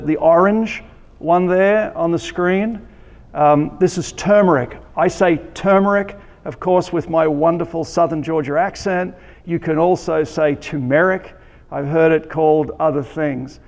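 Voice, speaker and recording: A man with an Australian accent giving a conference presentation, relaxed and joking, with many ums and restarts. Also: fairly high pitch, vocal fry, long reverb tail. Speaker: conference speaker. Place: conference hall.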